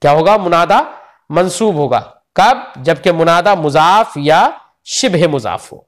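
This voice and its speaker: A man teaches a grammar lesson. He speaks slowly and patiently, asking his listeners questions and repeating key points. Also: a little high, lively intonation. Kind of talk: religious grammar lecture.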